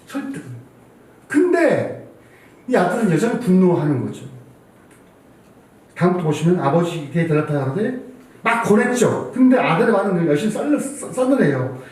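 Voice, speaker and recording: A man's voice: high voice, big pitch swings, moderate pace, pauses often, darkish tone. A man in his forties preaching a Sunday sermon in a church hall, telling a family story and acting out his own angry scolding. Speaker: pastor. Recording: echoey hall from far off.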